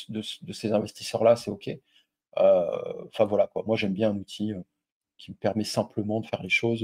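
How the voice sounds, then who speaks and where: Husky low-voiced man, chatty explainer. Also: mellow. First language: French. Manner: informal, lots of fillers, addresses the viewer directly. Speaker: investing video host. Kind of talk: casual explainer with a familiar tone.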